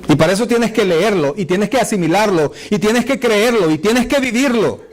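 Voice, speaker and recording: A man pastor preaching a sermon in church, moving between soft asides and raised, fervent appeals. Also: high voice, expressive, moderate pace. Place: church sanctuary.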